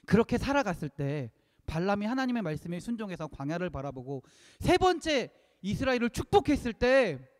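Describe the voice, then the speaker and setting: A man preaching a sermon, emphatic, repeating key phrases and swinging between loud peaks and hushed lines. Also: a little high. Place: church sanctuary. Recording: long reverb of a church hall.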